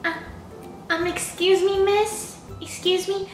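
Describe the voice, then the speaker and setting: Comedy skit: woman playing a high, slow-talking picky customer ordering toppings, roomy echo. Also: steady tone, faint music behind. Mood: fussy. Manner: hesitant, full of ums and excuse-mes. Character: fussy picky female sandwich-shop customer.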